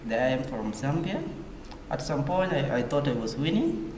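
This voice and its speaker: Measured chess player in an echoey room. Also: male voice, mid-range voice, sing-song, darkish tone. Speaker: chess player being interviewed. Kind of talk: post-round interview answers. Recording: echoey room with faint noise.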